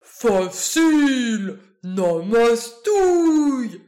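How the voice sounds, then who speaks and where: A woman voicing an excitable, playful young male dog in a children's storybook. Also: a little high, extremely slow, pitched above the performer's own voice, full character voice. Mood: excited. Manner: eager, bouncy, playful exclamations.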